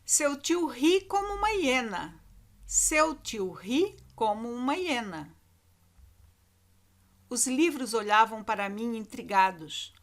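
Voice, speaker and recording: A woman's voice: a little high, big pitch swings, takes it slowly. A Brazilian woman teacher giving a recorded lesson to children, repeating key words with emphatic intonation. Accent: Brazilian Portuguese.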